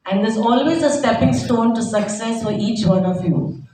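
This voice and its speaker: A middle-aged or older woman gives a formal public speech as a competition judge, deliberately stressing her points. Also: on the high side, dark tone. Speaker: competition judge giving remarks. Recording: very echoey hall, distant, faint noise.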